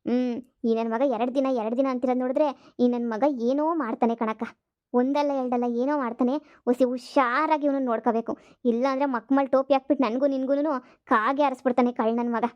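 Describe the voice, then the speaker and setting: A woman voicing an angry, sharp-tongued village wife in a cartoon comedy, cursing in a rapid tirade. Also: sits high, fairly even intonation, dry recording, lightly acted. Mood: scheming anger. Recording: slightly dull, dry dub.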